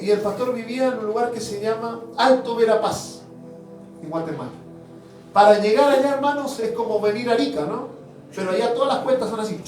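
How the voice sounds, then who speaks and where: Male apostle, high-voiced fervent sermon; distant mic in a reverberant church, soft music under. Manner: fervent, addresses congregation as brothers, swings from loud to hushed. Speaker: apostle preaching. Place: church hall.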